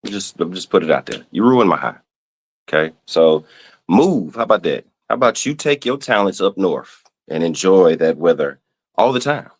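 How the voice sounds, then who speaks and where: A Southern US man with a low, deep voice rants casually on his podcast. His pitch swings widely as he complains, playfully exasperated and swearing freely. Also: sing-song, moderate pace. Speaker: podcast host. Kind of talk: casual ranting monologue.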